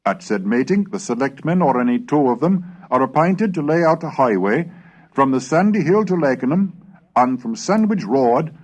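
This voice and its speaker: This recorded lesson features a medium-pitched male narrator reading a historical script. His manner is formal and measured, with expressive delivery.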